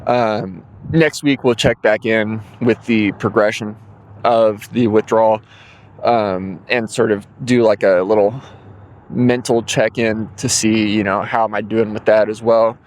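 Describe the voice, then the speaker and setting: A man's voice: on the low side, steady tone, unhurried. A man, hosting his own podcast alone. He rambles loosely with plenty of ums and yawns now and then. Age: 20s. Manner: rambling, full of fillers, yawning. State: drowsy, yawning. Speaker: podcast host. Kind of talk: casual solo podcast monologue.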